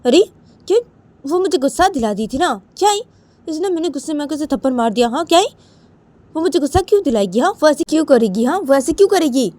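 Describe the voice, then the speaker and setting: A woman's voice: high voice, animated, quick pace, a little mellow, pitched above the performer's own voice. A woman voicing a hot-tempered young man defending himself in angry outbursts.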